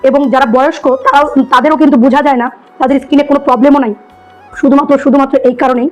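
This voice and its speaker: A hoarse woman with a cold, chatting enthusiastically as she tastes food for her vlog. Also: high-pitched, fairly even intonation, racing, dull audio, soft background music. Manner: chatty, enthusiastic, repeats herself. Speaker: food vlogger. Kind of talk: casual food-tasting vlog.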